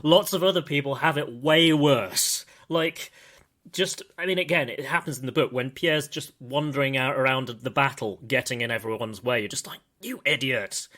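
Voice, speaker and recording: A man with a bright, forceful voice hosts a film podcast in casual chat. He halts and restarts often and breaks into lively asides. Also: medium pitch. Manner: halting, many restarts, animated asides. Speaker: podcast host.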